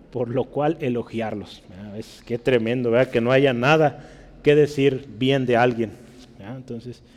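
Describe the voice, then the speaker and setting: A man teaching a Bible class in Spanish, checking in with his listeners and spelling out Greek words slowly. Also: on the high side, a little mellow, in a large hall. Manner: checks in with listeners, asking "¿verdad?" and "¿sí?".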